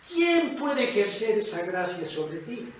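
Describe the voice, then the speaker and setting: A male preacher delivers an emphatic sermon, swinging from hushed asides to loud outbursts. His voice sits a touch high. The recording is very echoey and dull, with steady noise behind it. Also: takes it slowly. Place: church hall. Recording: echoey church, dull lo-fi sound, noisy.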